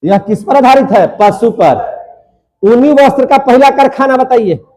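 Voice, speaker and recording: A man's voice: very high voice, expressive, measured pace, darkish tone. A young man teaching a class, drilling students by asking questions and repeating each answer. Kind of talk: classroom lecture.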